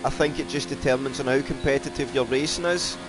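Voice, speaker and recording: A man with a South African accent commentating an online racing league, calling out lap times in a brisk, chatty way. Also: mid-range voice, steady tone, noisy background. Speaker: race commentator.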